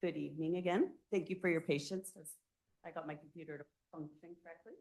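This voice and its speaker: A woman giving a formal presentation of a building project to a town review committee, reading through the permit details at a measured pace. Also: sits low, fairly even intonation, darkish tone, rough recording.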